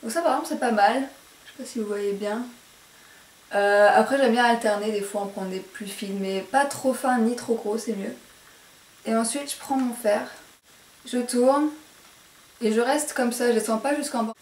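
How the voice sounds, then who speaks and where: A woman's voice: fairly high pitch, moderate pace. A woman with a posh French accent talks through a hair tutorial, hesitating and correcting herself with many fillers. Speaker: beauty vlogger. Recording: echoey room, mic at a distance.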